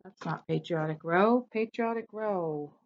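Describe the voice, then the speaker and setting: A woman's voice: on the low side, a little slow, lo-fi sound, slight background noise. A woman chatting casually as a cross-stitch vlogger, rambling a little and correcting herself as she goes. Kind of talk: casual show-and-tell chat.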